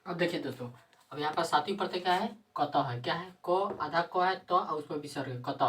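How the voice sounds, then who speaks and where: Low-voiced woman teaching grammar. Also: fairly quick, far from the mic. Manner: repeats rhetorical questions and answers them herself; frequent tag questions. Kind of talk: grammar lesson.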